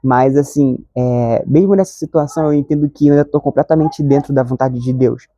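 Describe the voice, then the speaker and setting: Earnest young man, mellow voice. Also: mid-range voice, brisk, dry recording, dull audio. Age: 20s. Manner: earnest, conversational, frequent "sabe?" tags. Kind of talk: reflective devotional talk to camera.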